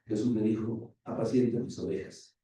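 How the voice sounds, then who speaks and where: A man preaching a sermon as pastor, retelling scripture with lively acted-out dialogue. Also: fairly low pitch, normal speed, a little hiss or hum. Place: church. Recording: very echoey church hall, distant mic.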